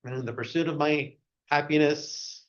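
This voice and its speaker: A man's voice: a little high, normal speed, lo-fi sound. Man giving a short club speech. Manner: asks the audience one question after another; grows loud and excited. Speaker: club speaker.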